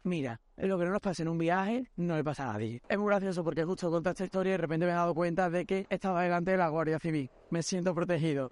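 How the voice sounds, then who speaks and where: A young man from Algeciras with an Andalusian accent, excitably telling a comic story while walking down a city street, swearing freely. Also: on the high side, no echo. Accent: Andalusian Spanish. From Algeciras, Spain. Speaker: podcast host.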